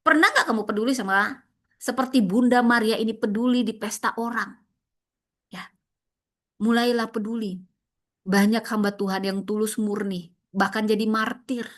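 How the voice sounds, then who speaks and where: Impassioned woman pastor preaching, high voice. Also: fairly even intonation, normal speed, long pauses. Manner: impassioned, scolding, rhetorical questions. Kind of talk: sermon.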